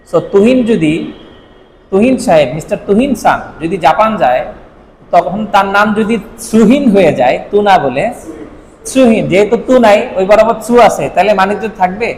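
High-voiced man teaching a language drill. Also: big-room sound, slight background noise, rough recording. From Bangladesh. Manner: asks questions and repeats words slowly for learners. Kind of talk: vocabulary drill lesson.

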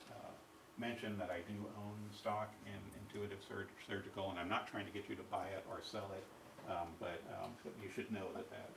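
A middle-aged man giving a university ethics lecture, halting with many fillers and restarts and asking the audience rhetorical questions. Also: lowish voice, background noise. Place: lecture hall. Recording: echoey hall recorded from far off.

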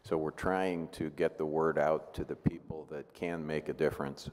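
An older man speaks at a table microphone on a panel, with an extremely deep and flat voice. He talks in a measured, list-like way. The big hall gives him a long reverb. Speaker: university program director. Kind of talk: panel self-introduction. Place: large hotel ballroom meeting.

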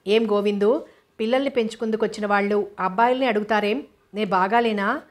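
A woman's voice: medium pitch, brisk, close to an everyday voice. A woman voicing a feisty, defiant little orphan girl in a storybook reading, cheeky and combative.

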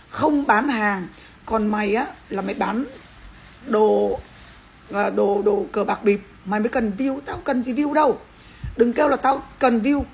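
A fairly high-pitched woman rants to camera, combative and profane, firing questions straight at a rival. Her voice is slightly raised, and faint background noise sits under the recording. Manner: combative, profane, repeatedly addressing a rival directly. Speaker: vlogger. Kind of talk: angry rant to camera.

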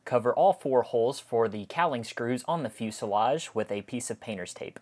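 Man, mid-pitched, walks the listener through a hobby build step by step in an instructional voice-over, repeats himself a lot. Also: lively intonation, moderate pace, darkish tone. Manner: methodical, step-by-step, repeats "again". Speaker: model aircraft build instructor.

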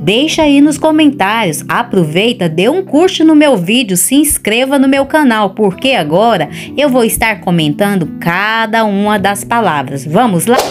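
Brazilian woman teacher, high and animated, slow deliberate dictation. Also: soft background music. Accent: Brazilian Portuguese. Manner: slow, clear dictation with drawn-out words; chatty and questioning with the viewer. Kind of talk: dictation and grammar lesson.

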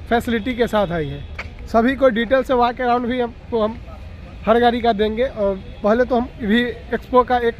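High-voiced young man touring an expo. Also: darkish tone. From Bihar, India. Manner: chatty, keeps addressing viewers as brother. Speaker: auto vlogger. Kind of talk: walkaround vehicle review vlog. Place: outdoor expo grounds. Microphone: phone camera at arm's length.

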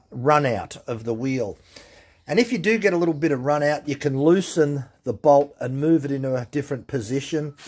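In a workshop lined with grinders and a tool wall, a man gives a casual, step-by-step chainsaw-sharpening lesson, speaking plainly and going over the important points more than once. His voice is fairly high and darkish, with a breathy edge.

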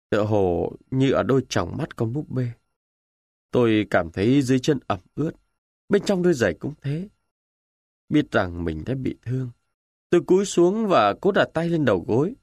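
A man narrating a war novel in the first person with dramatic, expressive delivery. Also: medium pitch, breathy edge, dry recording, clean studio sound. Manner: expressive, emotional storytelling. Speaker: audiobook narrator.

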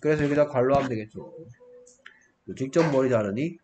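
A man's voice: medium pitch, brisk, lo-fi sound, noisy background. A man teaching English grammar exercises, working through each answer and often checking in with rhetorical questions.

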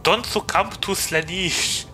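A man's voice: sits high, slow, sharp tone, soft background music. A man with a German accent streaming a game, chatting playfully and getting flustered easily. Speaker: VTuber streamer. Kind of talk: casual gaming stream chat.

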